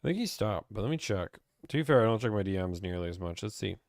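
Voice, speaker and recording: A man's voice: on the low side, lively intonation, fast, dry recording, studio quality. Chatty young man hosting a live stream. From Pittsburgh. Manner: chatty, reads viewer comments aloud and answers offhand. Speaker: livestream host answering car-buying questions.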